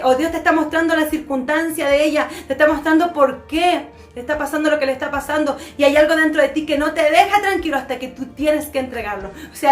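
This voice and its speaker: A woman's voice: high-pitched, echoey room. Fervent Chilean woman pastor preaching. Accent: Chilean Spanish. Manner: fervent, asks rhetorical questions, fillers like "¿cierto?". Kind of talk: sermon teaching.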